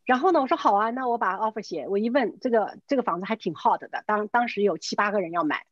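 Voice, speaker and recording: A woman's voice: mid-range voice, fast talker, dry recording, highs cut off. A middle-aged woman, a real estate agent, casually telling a story and acting out the dialogue, mixing in English words. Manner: lively, acts out quoted dialogue; mixes English words into her speech. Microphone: video call.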